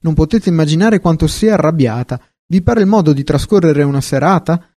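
A man's voice: mid-range voice, normal speed, warm tone, no echo, studio quality, natural voice. A man reading as a bossy shopping basket, irritated and wanting to give the orders. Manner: irritated and domineering. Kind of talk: storybook reading.

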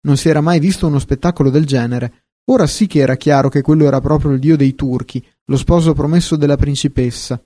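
A man narrating a fairy tale in a measured, expressive way, recorded close to the mic. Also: fairly high pitch, no echo. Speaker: audiobook narrator.

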